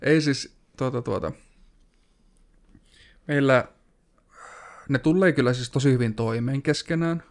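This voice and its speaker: A man in casual conversation, speaking in a quiet, low-key way. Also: pauses often. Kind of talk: casual chat.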